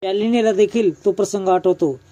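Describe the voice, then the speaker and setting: A man narrating a recap of a television serial episode in a steady, even retelling that weaves in quoted dialogue. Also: high-pitched, moderate pace.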